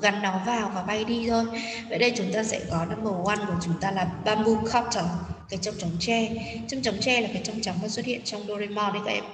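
A woman teacher patiently explaining a textbook exercise to students, often pausing with fillers and asking if they follow. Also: mid-range voice. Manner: patient, explanatory, with frequent hesitation fillers and check-in questions. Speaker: English teacher. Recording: echoey room, mic far off, faint noise.

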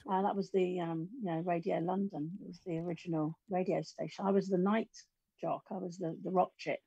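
A middle-aged woman from the UK talks as a guest in a relaxed interview, full of restarts and asides. Her voice is gravelly and a little husky. The video-call audio is dull, lo-fi and very dry. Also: on the low side, brisk, dry recording. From United Kingdom. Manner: chatty storytelling with many restarts. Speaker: guest musician. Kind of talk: casual interview chat. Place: home music studio.

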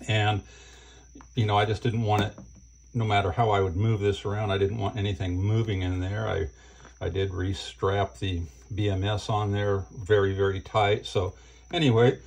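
A man's voice: lowish voice, normal speed, vocal fry, slight background noise. An older man casually reviewing batteries at an indoor workbench, speaking plainly and filling his talk with fillers. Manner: relaxed, plain-spoken, with fillers. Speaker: channel host reviewing batteries. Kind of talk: casual hands-on product review.

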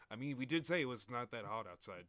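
A man's voice: medium pitch, a bit bright, no echo. Joking man reacting to a video. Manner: joking, talks over the video. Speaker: streamer. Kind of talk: casual live reaction commentary.

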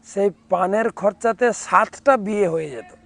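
Slow, high-voiced male preacher telling a tale. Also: creaky, a bit bright. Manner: unhurried, vivid retelling of a sacred tale; breaks into call-and-response chanting. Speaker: monk preacher. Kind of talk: devotional sermon storytelling.

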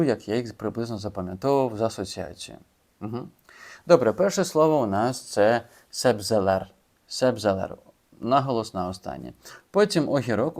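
In a casual video lesson, a man with a mid-range, darkish voice chats informally about how he learns vocabulary. He's a language learner sharing his method, and he uses plenty of fillers and restarts.

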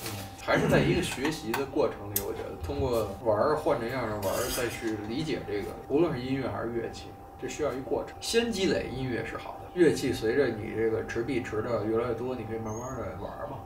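A man's voice: mid-range voice, fast, echoey room, far from the mic, background noise. A man with a Beijing accent chatting casually and colloquially about gear as a guitarist. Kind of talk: casual chat.

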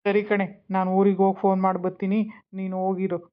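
A man's voice: high-pitched, monotone, fast talker, smooth, close to an everyday voice. Man as an earnest village man. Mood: concerned. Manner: earnest, rustic. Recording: tinny phone-like sound.

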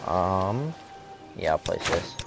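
A young man with a deep, low voice talks through a card game in relaxed, wry commentary. He thinks aloud with plenty of fillers and has the hiccups. Loud music plays behind him. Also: takes it slowly, gravelly. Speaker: gamer. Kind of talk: casual gameplay commentary.

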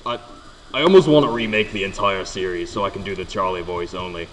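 Deep-voiced and talking fast, a young man jokes and curses through casual gameplay commentary, often tripping over his words and starting again. The recording is very noisy and sits in a room with long, echoing reverb.

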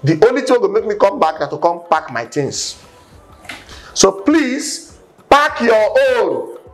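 A man's voice: big pitch swings, unhurried, soft background music. A man with a Nigerian Pidgin accent playing a cheeky, broke young man who begs and jokes his way through trouble in a comedy skit. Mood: indignant. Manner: comic, pleading, shifting pitch.

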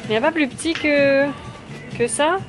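A woman's voice: sits high, normal speed, over music. A young woman in her twenties chatting casually and jokingly while she vlogs through the streets and a supermarket, laughing often. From France. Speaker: vlogger. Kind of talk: casual travel vlog chat. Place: streets and a supermarket, indoors and outdoors. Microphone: handheld camera held low at arm's length. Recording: noisy street and shop background.

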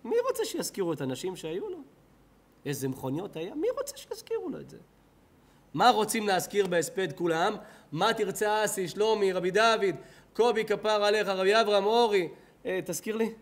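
A rabbi with an Israeli Hebrew accent preaching in a synagogue hall. His voice sits high for a man. He swings from loud, excited cries down to low murmurs. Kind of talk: sermon to a synagogue audience.

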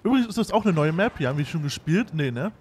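A man narrates his own gameplay in a high, animated voice, swinging quickly between dry jokes and loud outbursts. His pitch jumps all over as he reacts to each moment. A clear wash of game noise sits behind him. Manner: excitable, self-mocking, shouts at fails. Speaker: gaming YouTuber. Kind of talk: gameplay commentary.

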